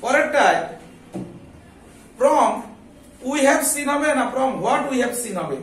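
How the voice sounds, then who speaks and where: A man's voice: very high voice, expressive, a little slow, a bit bright, echoey room, recorded from a distance, slight background noise, rough recording. A man tutoring a live English class, coaxing his students and repeating his questions back to them.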